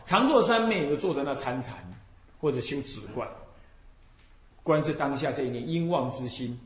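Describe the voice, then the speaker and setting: A man from Taiwan, an abbot and Buddhist teacher, giving a dharma lecture. He asks his listeners rhetorical questions and at times drops to a soft voice to show how to chant. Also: fairly high pitch. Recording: echoey room with faint noise.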